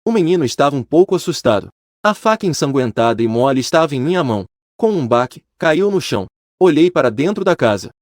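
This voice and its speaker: Man, scripted story narration, dramatic storytelling, lively intonation, dry close mic. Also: on the high side, quick pace, no room sound.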